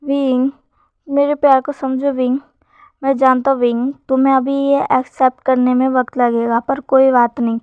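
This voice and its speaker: A woman's voice: sits high, little pitch movement, moderate pace, smooth, dry recording, lightly acted. A woman voicing a scheming, possessive young man who pleads with his friend, read in her plain narrating voice. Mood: pleading. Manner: read in a plain narrating voice, softer when plotting. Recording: dull lo-fi sound.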